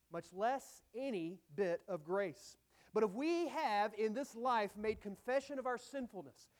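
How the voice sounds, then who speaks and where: A man preaching a sermon in an earnest way, with emphatic lines that fall away into soft phrase endings. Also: sits high. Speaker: pastor.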